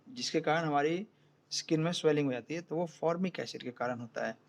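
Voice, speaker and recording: Teaching an online science class in Hindi, a man with an Indian accent explains things step by step and frequently checks that students are following. His voice runs on the high side.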